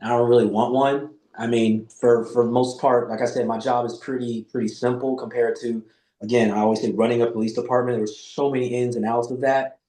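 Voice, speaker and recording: A man in his forties, a podcast guest, tells loose, profane stories in a casual chat, acting out the quotes. His mid-range voice has a dark tone, runs a little fast, and barely moves in pitch. The recording has a roomy echo.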